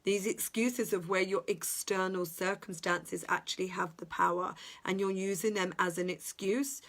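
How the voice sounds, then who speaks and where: A woman's voice: mid-range voice, steady tone, normal speed, fairly bright tone. Earnest woman giving a motivational talk. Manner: earnest, emphatic, repetitive phrasing. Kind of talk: motivational podcast monologue.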